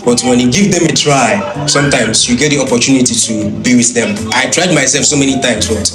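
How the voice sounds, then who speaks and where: A man's voice: mid-range voice, brisk. Candid man with a Nigerian accent. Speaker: interviewee. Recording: echoey clip with guitar music.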